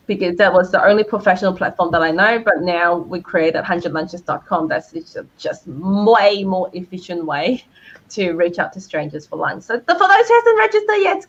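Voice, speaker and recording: A woman answering audience questions as a guest speaker on a live stream, cheerful, laughing often and using many fillers. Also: mid-range voice. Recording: dull lo-fi stream audio.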